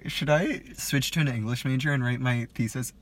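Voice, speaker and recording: A man's voice: mid-range voice, animated, moderate pace, a crowd in the background. A young man co-hosting a casual podcast chat, playful and teasing, laughing often. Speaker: podcast co-host.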